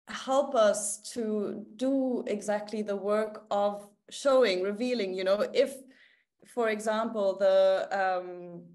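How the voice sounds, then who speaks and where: A woman in her thirties joins an academic panel over a video call. She talks in a thoughtful, hesitant way, full of fillers and restarts as she works through her ideas, at a middling pitch. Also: a little mellow. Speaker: keynote speaker. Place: home room, indoors.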